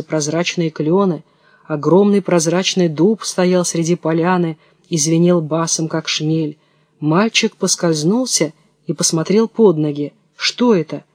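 A man with a fairly high voice reads a fairy tale aloud in a calm, even way. The sound is close and dry, with no room around it. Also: no room sound. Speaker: narrator. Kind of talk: storybook narration.

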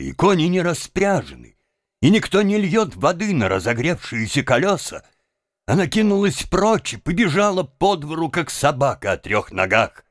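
A man's voice: fairly high pitch, no room sound. A man narrating a story as an audiobook, with dramatic, rising and falling emphasis, on a close microphone.

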